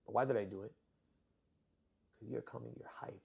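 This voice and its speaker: A man's voice: on the low side, fairly even intonation, brisk, gravelly, darkish tone, breathy edge. A young adult man and restaurant owner, chatting as a guest in an interview, who tells stories animatedly and acts out his customers and workers. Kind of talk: casual interview chat.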